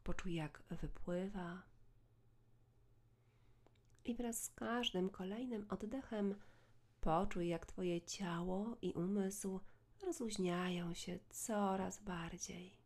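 A woman leads a guided meditation in a soft, hushed, soothing voice close to the ear, measured, with long pauses. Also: medium pitch. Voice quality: soft, breathy.

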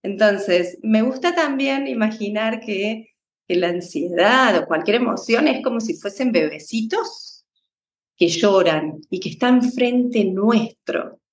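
A woman, a psychologist guest in a conversation, explaining in a calm, unhurried way. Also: mid-range voice, roomy sound, a little hiss or hum. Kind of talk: interview conversation.

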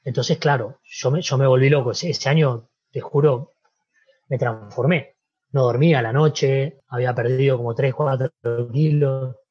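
A man with a Rioplatense Spanish accent tells his story with animation, slipping into the voices of the people in it and checking in with "¿viste?". His voice is husky and slightly rough at the edges. The recording sounds a bit dull and muffled. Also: medium pitch, normal speed. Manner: animated storyteller, acts out dialogue, frequent "¿viste?". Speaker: interview guest, former footballer. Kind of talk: casual storytelling.

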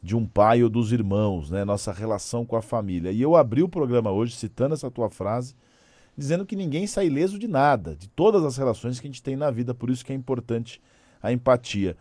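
Male interviewer, probing, mellow tone, dry close recording. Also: medium pitch, expressive, a little fast, dry recording. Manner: probing, asks stacked questions. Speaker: interviewer host. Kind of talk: interview questions.

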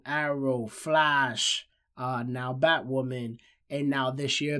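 A man in his thirties with a nasal, stuffed-up voice, a little short of breath, hosting a casual pop-culture podcast and leaning on repetition for emphasis. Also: medium pitch. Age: 30s. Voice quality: nasal, congested. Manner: emphatic repetition, addresses listeners as guys. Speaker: podcast host.

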